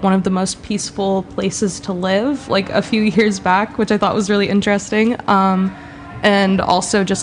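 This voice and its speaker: A woman's voice: medium pitch, slight background noise. A woman, hosting a student radio talk show in a casual, chatty way in a studio. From Southern California. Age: 20s. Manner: relaxed, chatty, says "like" often.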